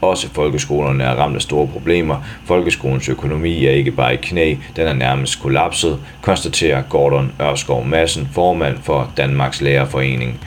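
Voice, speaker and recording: A man reading a news article aloud in a steady, even way, even speaking the punctuation. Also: rumbling low, hardly any pauses, a little hiss or hum.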